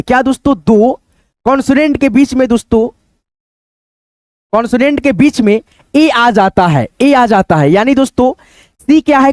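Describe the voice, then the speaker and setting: Teacher, male, very high voice, spells words out slowly, close dry mic. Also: darkish tone, no echo. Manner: spells words out letter by letter, keeps asking "दोस्तों". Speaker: English teacher. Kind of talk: spoken lesson.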